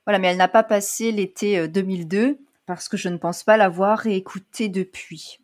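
Woman co-host for a relaxed music chat; talkative, quick to laugh. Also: medium pitch. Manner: chatty, laughs often, many fillers. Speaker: podcast co-host. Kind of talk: casual chat.

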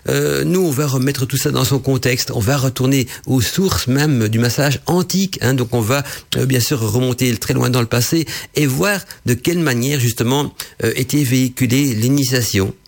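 A man with a nasal, slightly hoarse voice from a head cold, hosting a radio talk in a hesitant, explanatory way. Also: medium pitch, moderate pace. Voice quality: nasal, congested voice. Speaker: radio show host.

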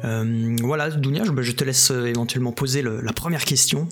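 A man's voice: medium pitch, brisk, music in the background. A man co-hosting a radio science interview, speaking with hesitation and fillers. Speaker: co-host.

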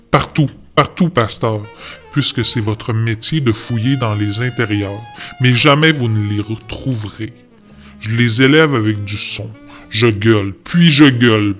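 A man voicing a loud, ranting male upstairs neighbor who shouts his grievances over faint guitar. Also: medium pitch, close to an everyday voice. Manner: shouting, harangues.

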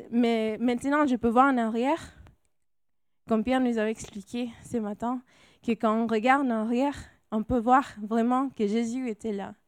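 A young woman from California shares her faith testimony with an American accent. Her voice is smooth, clear and fairly high, and it sits dry and close to the mic. She speaks softly and pauses to find her words. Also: no room sound. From California, United States. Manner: soft-spoken, searching for words. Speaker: missionary. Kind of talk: personal testimony. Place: church.

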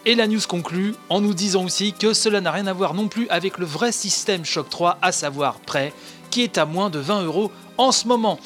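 A man's voice: high voice, a bit bright. A man hosting a video game news podcast, reading out articles with frequent asides and the filler "hein". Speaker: podcast host.

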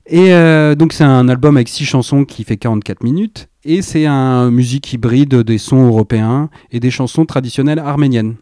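Chatty, dark-voiced male radio host. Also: mid-range voice, normal speed, few pauses, clean tone, no room sound, clean studio sound. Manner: chatty and enthusiastic, with laughing asides and slangy phrasing. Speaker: radio music show host. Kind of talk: casual chat presenting records.

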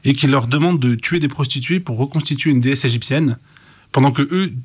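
Fast-talking husky male voice actor. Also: medium pitch. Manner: rapid, enthusiastic storytelling. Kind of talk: casual interview chat.

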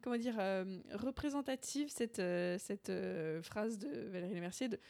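A woman co-hosting a casual podcast, playful and quick to act out quotes. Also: medium pitch, gravelly, darkish tone, dry recording. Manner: playful, sings and acts out quotes. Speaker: podcast co-host. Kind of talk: casual chat.

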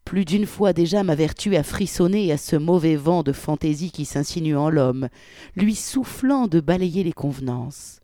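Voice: medium pitch, animated, moderate pace, mellow, no room sound, clean studio sound, close to an everyday voice. A reader voicing a prudish, pious widowed wartime godmother, reading her ornate, old-fashioned letter with swells of indignation. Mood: indignant, prim.

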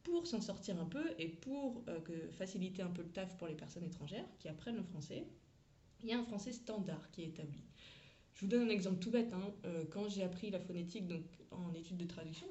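A woman's voice: on the low side, expressive, fast, dark tone, muffled recording. A woman who teaches English, talking through a lesson in a chatty, frank way with slang and asides. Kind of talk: casual teaching monologue.

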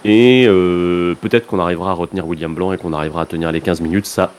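A man's voice: deep voice, steady tone, fast, darkish tone. A man hosting a podcast in casual chat, hesitant, with many filler sounds and restarts. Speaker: podcast host.

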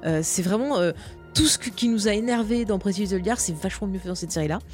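A woman's voice: mid-range voice, quick pace, darkish tone, faint music behind. A woman co-hosting a casual podcast, chatty and enthusiastic as she recommends a show. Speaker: podcast co-host. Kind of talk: casual chat.

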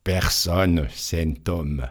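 Man doing a kindly old saint, gatekeeper, patient, fatherly, low voice, unhurried. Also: steady tone. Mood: gentle. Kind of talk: audiobook storytelling.

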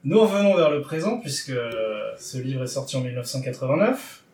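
Sing-song and a bit quick, this darkish, medium-pitched male voice comes from a distant mic in a roomy recording. He's a podcast host running a book draw, keeping the chat casual, teasing, wordy, and playful.

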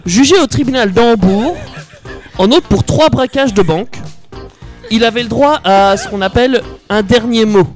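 A man with a high voice reads quiz questions on a radio show, with faint music in the background. His delivery is teasing and playful, in casual studio chat. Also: moderate pace.

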